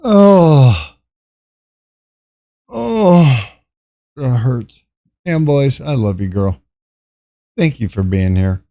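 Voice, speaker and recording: A man's voice: mid-range voice, big pitch swings, extremely slow, long pauses, mellow. An older man chatting casually with viewers on a gaming livestream, joking and breaking into laughing fits between lines. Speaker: gaming streamer.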